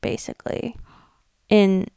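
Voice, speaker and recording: An American woman co-hosting a podcast speaks slowly in a dark tone, recorded cleanly and dry in a studio. She casually retells stories and adds commentary in informal, slangy speech full of "like."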